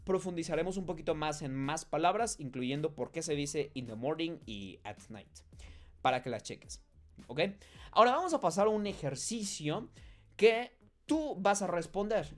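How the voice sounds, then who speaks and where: Man, English teacher, casual online lesson, chatty and encouraging, slows down for English phrases, faint music behind. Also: fairly high pitch.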